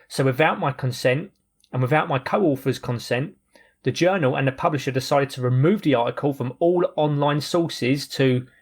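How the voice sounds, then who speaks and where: A man on a podcast clip reading out and paraphrasing a post, adding wry asides between the quotes. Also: medium pitch. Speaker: podcast host.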